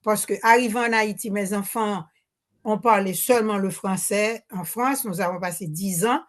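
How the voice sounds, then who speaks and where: A woman's voice: mid-range voice, normal speed. Older Haitian woman, hesitant at the mic. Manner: hesitant, restarts often, mixes Creole words into French. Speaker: audience member asking a question. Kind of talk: spontaneous remarks at a public Q&A. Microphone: handheld microphone.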